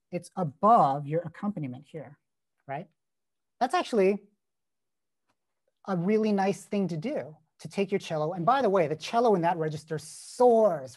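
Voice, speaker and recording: Over a video call, a composition teacher with a high-sitting, darkish voice gives feedback on a student's score in an online masterclass. His talk is casual, peppered with fillers and frequent "right?" checks.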